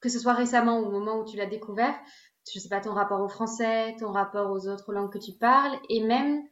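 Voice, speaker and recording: A woman with a French accent hosts the interview, pressing with curious follow-up questions in a fairly high voice. Her sound is roomy and echoey, with a dull, muffled quality as if heard through a remote line. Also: fairly even intonation, a little fast, fairly bright tone. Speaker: podcast host.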